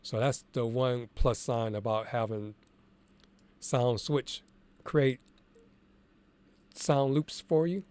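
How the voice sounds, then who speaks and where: A male DJ, congested from allergies and a bit froggy, explains his setup in a relaxed, candid way and thinks aloud as he goes. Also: medium pitch, slow, pauses often, smooth. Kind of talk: casual screen-share tutorial.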